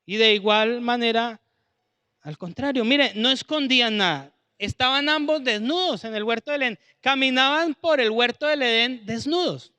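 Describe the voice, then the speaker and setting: Male preacher, very high and bright voice, chatty Bible teacher. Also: moderate pace, clear, resonant tone, dry recording. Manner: conversational, acts out dialogue.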